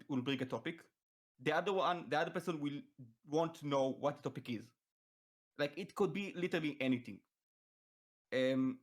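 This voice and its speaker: A young podcast host from Israel chats casually with an Israeli accent, Hebrew being his first language. His voice is a little high, and his speech is halting with many restarts.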